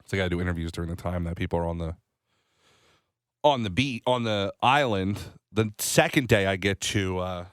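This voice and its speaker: A man in his thirties co-hosting a morning show, telling rambling, animated stories with a slight cold. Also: sits low, brisk, smooth, dry recording, studio quality. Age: 30s. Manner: rambling, animated storytelling with restarts. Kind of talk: casual radio chat.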